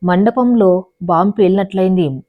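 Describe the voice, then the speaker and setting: A woman's voice: medium pitch, normal speed, dry recording. A woman narrating a dramatic love story as a storyteller, in a scripted reading style. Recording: dry, dull lo-fi voice recording.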